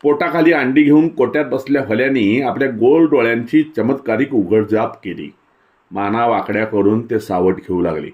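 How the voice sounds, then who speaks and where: Male storyteller, calm measured reading of a literary tale, middle pitch. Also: lo-fi sound. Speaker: story reader.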